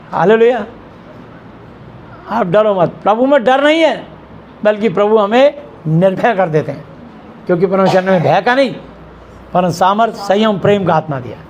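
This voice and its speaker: A high-pitched, middle-aged male pastor preaches an emphatic sermon in a church hall, posing rhetorical questions and then answering them himself.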